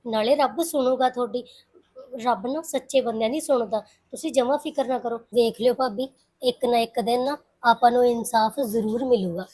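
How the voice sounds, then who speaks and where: An actress playing a caring young woman who calmly reassures and comforts. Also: a little high, moderate pace, breathy edge, rough recording. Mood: reassuring. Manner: soothing, reassuring. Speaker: young sister-in-law. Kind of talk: Punjabi web-series acting.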